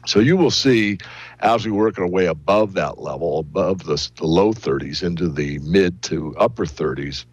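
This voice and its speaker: Very deep-voiced man, husky and dry. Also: expressive, no echo, lo-fi sound. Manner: deliberate, hedging, analytical. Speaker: interview guest, silver analyst. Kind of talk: measured interview answers.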